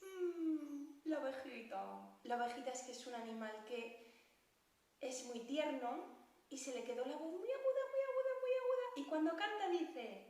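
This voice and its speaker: Brief: lively children's music teacher, woman, bright higher voice, booming room echo. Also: measured pace. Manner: animated, playful, talking to children. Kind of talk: children's music lesson with puppets. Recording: very echoey, distant mic.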